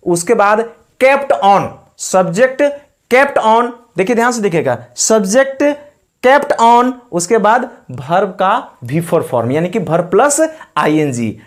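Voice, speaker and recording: A man with an Indian accent teaching spoken English in Hindi, slowly and patiently repeating each example. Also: sits high.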